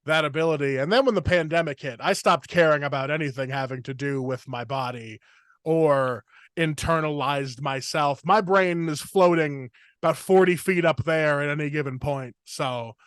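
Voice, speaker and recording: A man's voice: on the high side, a bit bright, clear, resonant tone, no room sound. Rambling man, dry close mic. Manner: rambling, filler-heavy, fast torrent of words. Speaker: podcast host, comedian. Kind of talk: casual podcast chat.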